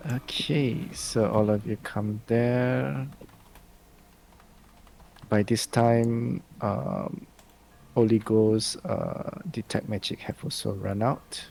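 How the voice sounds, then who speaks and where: A man, narrating a tabletop game as game master in a loose, halting way. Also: fairly low pitch, vocal fry, darkish tone.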